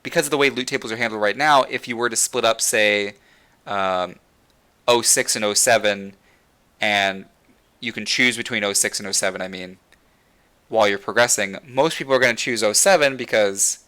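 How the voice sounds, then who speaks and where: Rambling, bright-toned man with a tired voice. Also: on the low side, moderate pace, smooth. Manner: rambling, frequent fillers and restarts. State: losing his voice. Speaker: podcast host. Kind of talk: casual gaming discussion.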